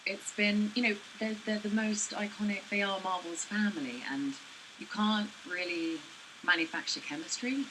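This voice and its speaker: A woman's voice: mid-range voice, moderate pace. Earnest woman with an English accent. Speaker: actress interviewed at an event. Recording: noisy live event audio.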